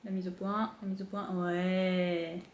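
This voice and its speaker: A young woman casually chatting as she unboxes books at home, gushing with excitement and using lots of fillers. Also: lowish voice, takes it slowly, slight background noise. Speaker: book unboxing vlogger. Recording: echoey room.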